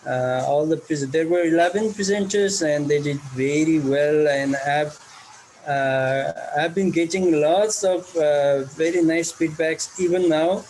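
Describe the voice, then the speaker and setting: Nepali-accented male teacher, slow halting delivery, slightly raised pitch, faint background noise. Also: a little mellow, low-quality recording. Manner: halting, many fillers and restarts. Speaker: teacher and club organizer. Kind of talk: video call chat. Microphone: video call.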